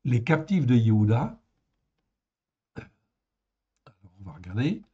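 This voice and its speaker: A man's voice: mid-range voice, big pitch swings, warm tone, husky, lo-fi sound. A man giving a Bible study lesson, explaining word by word and checking in with "ok?" as he goes. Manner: slow and explanatory, with frequent "en fait" and "ok?". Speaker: Bible teacher.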